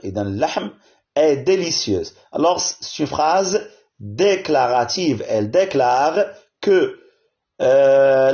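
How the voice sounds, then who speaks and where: A man's voice: medium pitch, a little mellow. Guy teaching kids grammar, keeps asking hein?, bouncy voice, muffled audio. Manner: switches between French and Arabic, explaining slowly with frequent "hein?" and "bien". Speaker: primary school teacher. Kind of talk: classroom-style grammar lesson. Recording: dull lo-fi audio.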